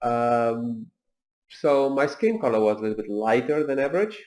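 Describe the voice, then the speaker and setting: Calm man sharing personal reflections. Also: mid-range voice. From Tunisia. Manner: calm, measured, with fillers and pauses. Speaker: video host.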